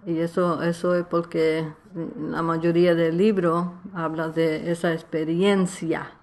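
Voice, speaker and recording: Interviewed as an author, this New York woman with a Puerto Rican New York accent reflects on her life in casual Spanglish. She is slow and halting, hunting for Spanish words and drifting into English, her fairly low voice a little mellow with little pitch movement.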